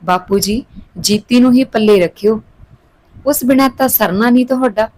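A woman's voice: a little high, normal speed, a little mellow, close to an everyday voice, poor audio. Woman reading as a taunting scheming sister-in-law.

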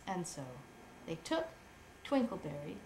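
A mother with a cold, gently making up a bedtime story for her child at home. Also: lowish voice, sing-song, a little slow, gravelly. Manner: gentle, laughing between phrases. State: has a cold. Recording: echoey room, faint noise.

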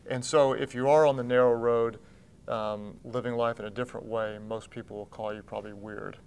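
A man in his thirties, a pastor who founded a church, is a guest on a TV interview set with blue drapes. He talks briskly in a steady, medium-pitched, slightly mellow voice with vocal fry, and a little hiss or hum can be heard. His manner is earnest, with two-handed gestures and many restarted sentences.

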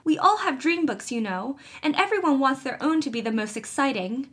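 A woman voicing an excitable young girl who tumbles over her words in alarm. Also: mid-range voice, normal speed, husky. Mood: excited, alarmed. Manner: breathless, tumbling apologies.

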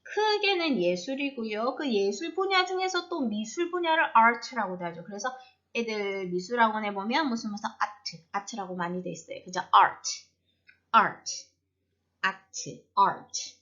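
Woman phonics teacher, slow and patient, bright, slightly dull lo-fi sound. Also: a little high, expressive. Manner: patient, repeats each word several times with emphasis. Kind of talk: slow classroom-style lesson.

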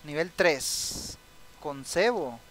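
A chatty young man talks through his gameplay, his voice sitting a little high. He reads the on-screen text aloud as he goes and keeps reacting with soft, sympathetic exclamations. A faint hiss runs underneath. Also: lively intonation, drawn-out words, low-quality recording. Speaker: gameplay commentator. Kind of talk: casual let's-play commentary.

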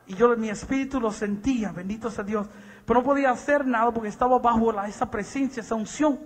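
A male preacher telling a testimony in a sermon, impassioned, swinging from hushed asides to shouts and often repeating a blessing. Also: very high voice, quick pace. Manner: repeats "bendito sea Dios".

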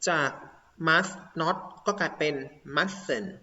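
A male teacher giving an online English grammar lesson, explaining step by step and repeating words slowly. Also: fairly high pitch, lively intonation, pushed and bright. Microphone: video call. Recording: dull lo-fi online class audio.

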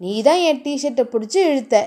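A woman's voice: high-pitched, animated, fairly quick, dark tone. A woman voicing a short-tempered young male hero in a storybook romance, brusque and scolding.

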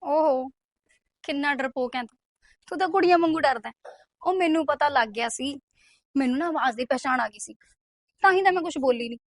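A woman's voice: high voice, a little fast, long pauses, no room sound, studio quality, natural voice. A young woman acting a bold, defiant daughter who talks back with sass in a short film. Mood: teasing. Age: young adult. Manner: sassy, argumentative. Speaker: teenage daughter.

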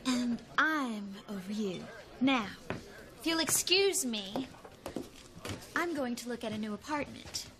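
A woman's voice: fairly high pitch, lively intonation, takes it slowly, crowd noise. A cutting, dismissive ex-girlfriend. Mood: cold. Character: sharp-tongued woman flatly dumping her vain ex. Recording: noisy sitcom soundtrack.

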